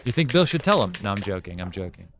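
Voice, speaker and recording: Guy with a lowish voice breaking down backgammon moves live, kinda teasing, noisy background hiss. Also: very animated, fast. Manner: analytical, calls the dice rolls, teasing. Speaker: backgammon commentator. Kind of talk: live game commentary.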